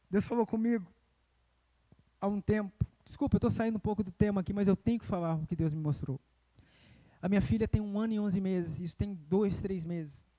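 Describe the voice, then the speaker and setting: A young man preaching a sermon in church, telling a personal story and rising to loud emotional cries. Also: high voice, normal speed, long pauses. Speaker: evangelist preacher. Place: church sanctuary.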